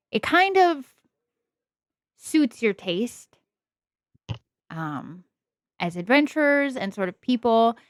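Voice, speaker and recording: A woman running a tabletop game as game master, narrating in a relaxed, meandering way with many pauses. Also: mid-range voice, clean tone, no room sound, clean studio sound.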